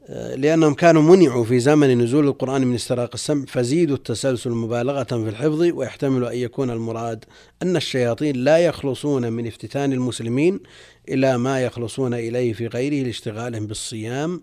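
Middle-aged male religious scholar, medium pitch, expository, mostly formal Arabic, repeats phrases as he explains. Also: rapid-fire, warm tone. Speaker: religious scholar, guest on the program. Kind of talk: scholarly explanation with readings from commentaries.

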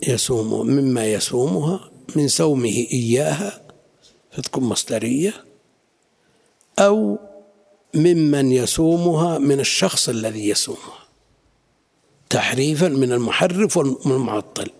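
A man's voice: mid-range voice, moderate pace, vocal fry, darkish tone, slightly rough. A middle-aged man, a sheikh explaining a classical text to students and questioning them.

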